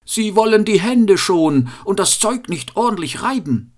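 A man voicing a cantankerous, fault-finding master shoemaker, scolding in a high nagging tone in a fairy tale reading. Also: very animated, moderate pace, a bit bright.

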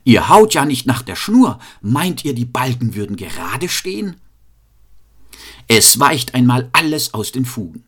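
A man voicing a cantankerous, fault-finding master shoemaker, scolding in a high nagging tone in a fairy tale reading. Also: sing-song, moderate pace, fairly bright tone. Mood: outraged.

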